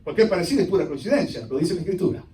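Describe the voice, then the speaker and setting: A male pastor preaching a sermon with dramatic swings between loud and hushed delivery. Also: high-pitched, expressive, rapid-fire, slight background noise. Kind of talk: Spanish-language sermon. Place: church sanctuary. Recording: echoey church from far off.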